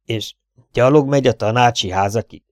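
A man voicing a brisk, kind-hearted country vet with a gruff, hurried manner of talking. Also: medium pitch, no room sound, clean studio sound, pitched above the performer's own voice, lightly acted. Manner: gruff and hurried, often dropping to a furtive whisper.

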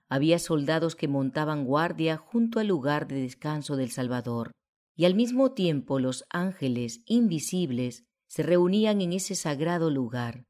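A woman narrating a religious audiobook in a solemn, measured way. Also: low voice, mellow.

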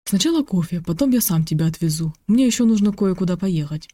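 A narrator voicing a secretive, restless Italian painter in an audiobook, speaking tenderly and then curtly. The voice is close and dry, with a warm, mellow tone. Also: medium pitch, animated, quick pace, dry recording, lightly acted.

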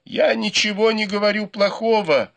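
A male reader voicing a cowardly, beaten young nobleman who whimpers and begs in shrill cries. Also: big pitch swings, a little slow, creaky, sharp tone, heavily acted. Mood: pleading.

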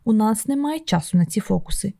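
A woman's voice: medium pitch, animated, a little fast, creaky, warm tone, no room sound. A woman voicing a tired young mother, close to her own reading voice, in an audiobook. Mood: stern. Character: tired young mother, frazzled but tender.

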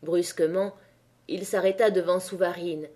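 Woman reading a novel in a mellow voice. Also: lowish voice. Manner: measured, expressive. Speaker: audiobook reader. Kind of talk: literary audiobook narration.

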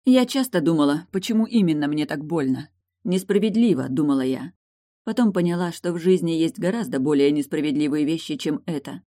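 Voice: medium pitch, a little fast, warm tone, dry recording, lightly acted. A cutting, mocking woman who leans on a cane and never backs down, voiced by an audiobook reader. She talks with biting scorn, her lines lifted a bit above the reader's own voice. The recording is dry and close. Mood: cold. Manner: mocking, bitter. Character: sharp-tongued woman on a cane. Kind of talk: audiobook character voice.

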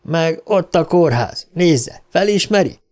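A man's voice: on the high side, lively intonation, a little mellow, voice pushed up, natural voice. A man voicing a chatty, coarse middle-aged taxi driver in an audiobook, folksy and fond of repeating a pet phrase.

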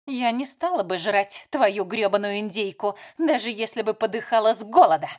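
A woman reading aloud voices a spiteful, sarcastic young woman who mocks and shouts insults. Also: a little high, sing-song, unhurried. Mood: furious.

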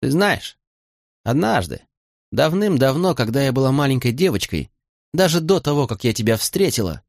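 A man's voice: mid-range voice, sing-song, moderate pace, gravelly, dry recording, clean studio sound, pitched above the performer's own voice. A man voicing a proud young woman who is hurt and angry, speaking in a raised, reproachful voice. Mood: hollow, calm.

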